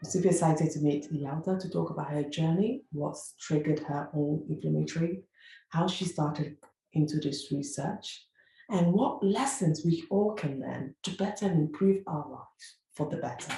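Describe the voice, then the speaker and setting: Woman podcast host, low gravelly voice, super enthusiastic, trips over words sometimes, echoey room w faint music. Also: moderate pace, mellow. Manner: effusive, stumbles over words. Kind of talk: enthusiastic interview hosting.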